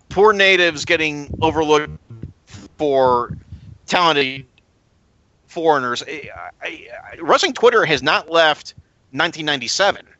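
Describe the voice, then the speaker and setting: A man co-hosting a casual podcast chat, talking in halting bursts full of stammers and restarts. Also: on the high side, bright, forceful tone, dry recording, poor audio. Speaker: podcast co-host.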